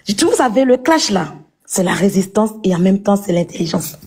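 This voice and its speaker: Scornful woman, mellow voice. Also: mid-range voice, sing-song, a little fast, slightly rough. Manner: combative, point-by-point, scornful. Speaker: live-stream clash participant. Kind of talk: heated live-stream argument. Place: home at night.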